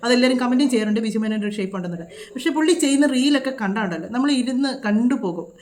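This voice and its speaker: A woman's voice: fairly high pitch, expressive, racing, a little mellow. A woman vlogger, giving indignant, scolding commentary full of rhetorical questions. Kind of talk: opinionated reaction commentary.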